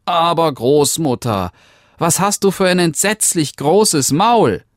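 A trusting little girl from a fairy tale, as a man reading aloud puts her on, naive and full of wondering questions. Her lines sit high in a lively, swinging pitch, in a dry, close recording. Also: takes it slowly, dry recording. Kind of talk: storybook reading.

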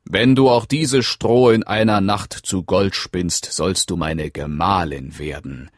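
A man playing a greedy, commanding king who speaks slowly and in a stately manner. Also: low voice, dry recording, clean studio sound. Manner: slow, stately, demanding.

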